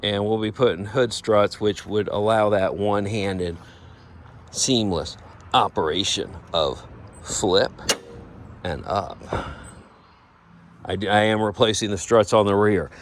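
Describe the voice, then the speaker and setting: A man giving a casual walkaround of a vehicle he is giving away. He rambles, loses his train of thought and slips into a playful infomercial-style sales pitch. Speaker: vlogger showing a vehicle giveaway.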